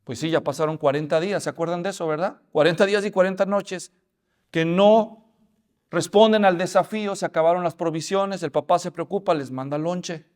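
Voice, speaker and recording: A pastor preaching a sermon, telling the story in an animated way and addressing listeners as brothers. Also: male voice, sits high, fairly quick.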